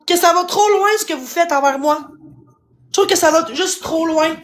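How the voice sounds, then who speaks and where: A woman with a Québécois accent, hoarse and worn out, venting on a live stream in an agitated, pleading way that keeps repeating itself. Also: extremely high pitch, moderate pace. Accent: Québécois French. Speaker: livestreamer.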